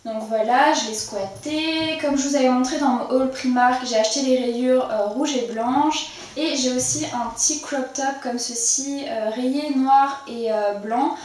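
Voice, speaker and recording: A young woman chats casually through her favourites of the month, her voice a little high. She fills her talk with hesitations and restarts. The recording picks her up from some distance in a very echoey room. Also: a little slow, a little mellow. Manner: chatty, with frequent fillers and restarts. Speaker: beauty vlogger. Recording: very echoey room, mic set far off.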